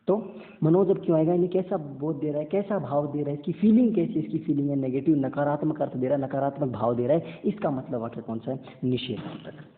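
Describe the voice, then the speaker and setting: Hindi teacher in an echoey, tinny recording. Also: male voice, on the high side, a little fast. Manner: animated, repeats points and checks understanding. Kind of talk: exam-prep grammar lesson. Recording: echoey hall, tinny phone-like sound.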